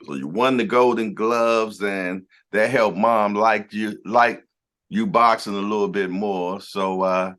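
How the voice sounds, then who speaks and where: A man's voice: fairly low pitch, steady tone, takes it slowly, a bit bright. A man hosting a boxing channel, interviewing a guest over a video call with upbeat, brief affirmations.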